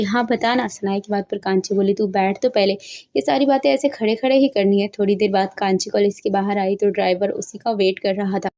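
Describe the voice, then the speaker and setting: A woman narrating a romance story aloud, acting out each character's dialogue in an expressive voice. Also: mid-range voice.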